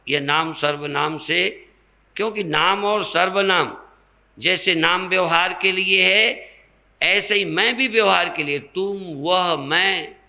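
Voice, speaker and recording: An older man delivers a spiritual sermon at a very unhurried pace, his voice gravelly and fried at the edges. The tone is bright and forceful, a little higher than most men, and he teaches by posing questions to his listeners. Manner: slow, teaching with rhetorical questions and examples. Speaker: swami giving a spiritual discourse.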